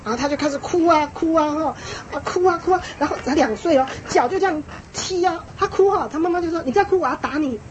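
Woman w/ a high voice teaching a parenting class, lively, repeats stuff for emphasis, little laughs, faint noise behind. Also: quick pace, few pauses, dull audio. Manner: frequent small laughs. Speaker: parenting speaker. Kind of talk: lecture to an audience.

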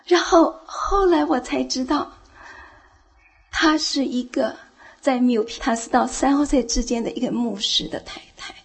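A woman's voice: high voice, unhurried, husky. A woman giving a heartfelt personal testimony in church, telling her story earnestly and growing fervent. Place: church, speaking from the front.

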